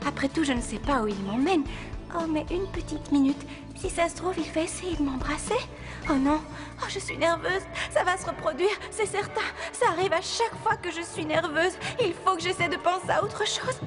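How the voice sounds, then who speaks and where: A flustered teenage girl in love frets aloud in a very high, bright cartoon voice. She rambles nervously to herself. Music plays behind her. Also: moderate pace. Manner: nervous, rambling, self-talking. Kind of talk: cartoon dub acting.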